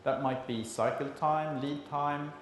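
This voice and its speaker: A man with a Swedish accent gives a conference talk in a fairly high voice. His delivery is halting and explanatory, and the room is very reverberant, with a faint layer of noise. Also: steady tone. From Sweden. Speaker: conference speaker. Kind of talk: conference presentation.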